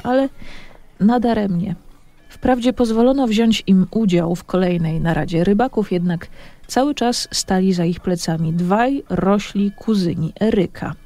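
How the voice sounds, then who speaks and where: A man's voice: high-pitched, mellow, no echo. Man narrating a storybook legend. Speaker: audiobook narrator. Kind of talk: scripted narration of a children's legend.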